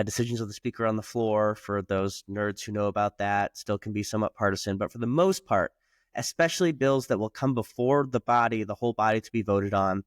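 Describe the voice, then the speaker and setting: A man's voice: on the low side, no echo, clean studio sound. A man co-hosting a casual political podcast, chatty and full of "you know" fillers. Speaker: podcast co-host and state lawmaker.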